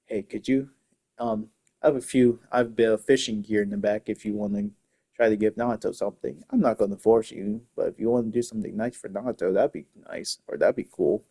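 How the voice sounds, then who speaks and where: A man's voice: on the low side, brisk, vocal fry, dark tone, slightly rough. A man voicing a middle-aged detective offering fishing gear. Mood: gentle.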